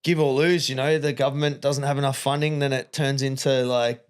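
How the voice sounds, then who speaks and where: Australian podcast host, young male, relaxed slangy rambler, middle pitch. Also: brisk, clear, resonant tone. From Melbourne, Australia. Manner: rambling, casual, slangy, many restarts. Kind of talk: casual chat.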